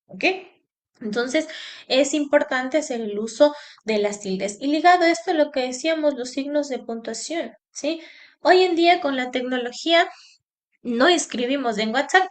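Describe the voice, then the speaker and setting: A woman teacher giving a lecture, lively and emphatic, often checking in with her students. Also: high voice. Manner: lively, emphatic, keeps asking "¿sí?". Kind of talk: classroom lecture.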